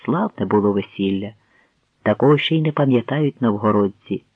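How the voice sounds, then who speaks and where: A man narrating a historical tale in measured storytelling fashion, as an audiobook reader, on a tinny, dry recording. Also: lowish voice, breathy edge, no room sound. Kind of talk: scripted narration. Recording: tinny phone-like dry sound.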